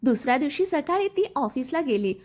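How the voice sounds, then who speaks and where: A woman's voice: high-pitched, sing-song, a little fast, darkish tone. A woman narrating a dramatic story and reading the characters' lines with feeling.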